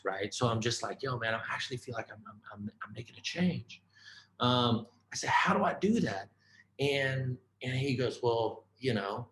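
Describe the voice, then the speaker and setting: A man giving a conference keynote, telling his life story in a casual, animated way, often saying "man" and "right?". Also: on the low side, roomy sound, low-quality recording. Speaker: keynote speaker.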